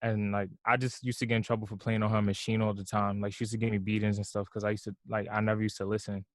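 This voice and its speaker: A young man, a musician and designer talking softly in a casual interview, with many "like"s and "um"s. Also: on the low side, flat delivery, fast talker, dry recording. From Brooklyn, New York. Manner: soft-spoken, lots of "like" and "um". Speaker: guest musician and fashion designer.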